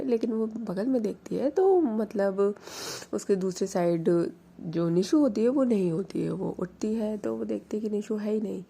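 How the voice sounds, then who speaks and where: Woman storyteller, chatty casual retelling, mellow warm voice. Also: medium pitch, creaky, breathy edge. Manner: chatty, conversational retelling with fillers.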